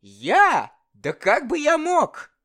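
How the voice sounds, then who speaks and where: A man doing a quiet, distracted jester dwarf. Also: wildly swooping pitch, drawn-out words, heavily acted. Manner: distracted, low-key.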